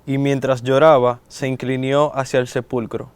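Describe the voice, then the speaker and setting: A man reading a Gospel passage aloud in a steady, measured way during a sermon. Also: mid-range voice, clear, resonant tone. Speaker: scripture reader.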